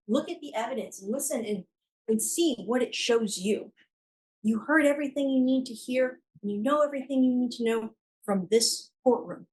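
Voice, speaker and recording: A woman's voice: fairly high pitch, a little mellow, low-quality recording. A woman prosecutor giving a courtroom closing argument, emphatic and pressing her points through repetition. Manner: emphatic, repeating key phrases for force.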